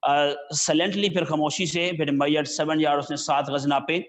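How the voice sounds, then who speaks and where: A fairly high-pitched man teaches an English textbook lesson. He reads each English phrase slowly and deliberately, then explains it at a quicker conversational pace. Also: little pitch movement.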